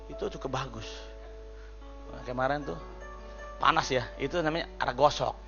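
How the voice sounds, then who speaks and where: A man preaching a sermon as pastor, lively and chatty, joking and calling out to the congregation. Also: medium pitch, moderate pace, creaky, lo-fi sound, faint music behind.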